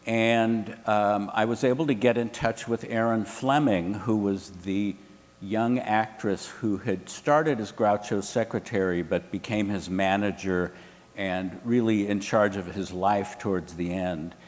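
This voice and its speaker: A man's voice: on the low side, measured pace, long reverb tail. A man telling an anecdote as a panelist at a live event, acting out the people he quotes. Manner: animated, quotes others in lively voices. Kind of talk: anecdotal storytelling. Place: hotel event room.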